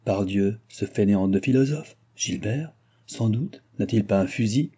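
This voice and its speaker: Audiobook: man reading a loud, gruff old baron, dark and husky. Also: fairly low pitch, unhurried. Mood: mocking. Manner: blustering, raises his voice.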